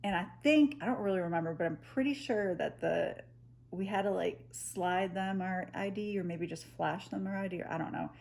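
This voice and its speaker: A woman's voice: lowish voice, moderate pace, gravelly, a little mellow. A woman from the United States tells a casual, unedited personal story in a giggly, rambling way, laughing through her sentences and swearing freely. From United States, near the Canadian border. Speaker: storytelling vlogger.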